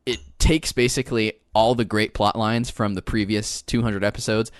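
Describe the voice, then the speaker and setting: A man's voice: fairly low pitch, flat delivery, clear, resonant tone, no echo. Man reading trivia questions, dry sound. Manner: reads trivia questions deliberately. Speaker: quiz host. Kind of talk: casual podcast chat.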